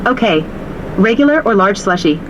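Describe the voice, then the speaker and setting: A woman taking orders over a drive-thru intercom, running through quick, scripted prompts. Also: mid-range voice, animated, background noise. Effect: heard through a drive-thru intercom speaker. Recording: muffled drive-thru speaker picked up from a car.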